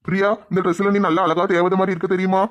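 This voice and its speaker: A man's voice: high voice, flat delivery, fast, natural voice. A man voicing an affectionate young husband, coaxing. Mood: fond. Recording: dull lo-fi recording.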